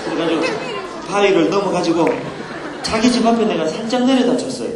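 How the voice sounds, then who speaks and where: A man's voice: high-pitched, a little fast. A male pastor preaching to young people at a retreat, playful and teasing, telling a comic story and drawing the crowd in. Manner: playful, teasing, talks with the audience. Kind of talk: comic youth sermon storytelling. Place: large hall at a youth retreat. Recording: echoey hall with crowd noise, old recording. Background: audience laughter.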